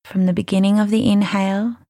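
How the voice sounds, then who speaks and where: A woman leading a guided mindfulness meditation, speaking softly and soothingly, unhurried and gentle, with breathy phrase endings. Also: mid-range voice, little pitch movement, dry recording, clean studio sound. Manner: soothing, unhurried, gentle instruction with long pauses.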